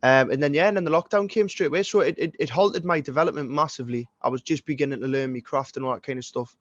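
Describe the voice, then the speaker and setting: A Geordie man in his twenties from Northeast England, a singer-songwriter, rambles casually as a podcast guest, swearing a lot and restarting his sentences. His voice is fairly high and fast, on a dry, lo-fi recording.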